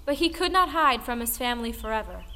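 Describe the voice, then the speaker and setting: In this audio play, an actress voicing a female storyteller tells an old folktale as scripted, dramatic narration. She talks fast and animatedly, in a bright, forceful voice that's a little high. There is music in the background, and the mood is one of storytelling.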